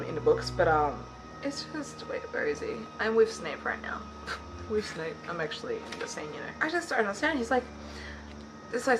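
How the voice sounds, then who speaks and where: A young woman vlogger talking casually and rambling, full of fillers and quick self-corrections. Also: lowish voice, low-quality recording. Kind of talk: casual chat.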